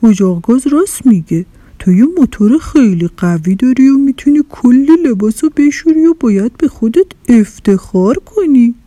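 A woman voicing a kind, caring kitchen fridge in a children's story, with a gentle, reassuring manner. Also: mid-range voice, no room sound, close to an everyday voice. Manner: gentle, reassuring, a little louder. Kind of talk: storybook character voice.

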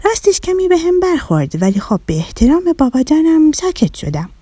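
Naive young fish child, voiced by a woman, lively storyteller, mellow tone, dry close sound. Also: high-pitched, no room sound. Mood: earnest. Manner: earnest, chatty, lively telling.

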